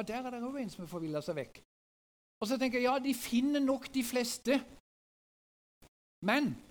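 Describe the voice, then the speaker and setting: Middle-aged man, high-pitched voice, storytelling talk, speaking to an audience, conversational, asks listeners questions.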